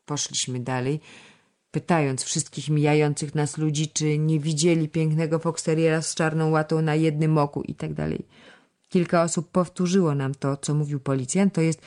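Woman audiobook narrator, deep low voice, measured storytelling pace. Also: darkish tone. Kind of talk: scripted narration of a children's novel.

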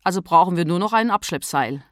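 A woman voicing a calm, formal, bearded Santa Claus in a storybook reading, unruffled and matter-of-fact. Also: lowish voice, fairly quick, dry recording, clean studio sound, close to an everyday voice.

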